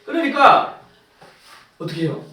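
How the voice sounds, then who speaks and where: Guy preaching in a big echoey church, high bright voice, mic kinda far. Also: big pitch swings, unhurried. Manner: swings from low asides to loud pleading cries. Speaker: pastor. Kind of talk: sermon.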